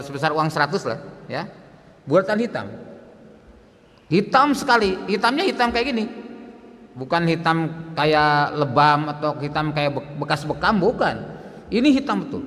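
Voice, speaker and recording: Animated preacher in an echoing mosque. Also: male voice, high-pitched. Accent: Indonesian. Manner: dramatic storytelling, acting out dialogue. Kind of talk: mosque sermon story. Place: mosque hall. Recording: long hall reverb in mosque.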